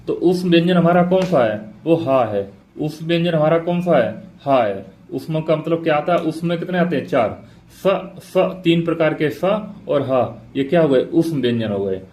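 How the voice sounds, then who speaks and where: A man's voice: fairly high pitch, animated, normal speed, a little mellow. A male teacher giving an exam prep lecture, asking questions aloud and answering them himself, repeating each key point.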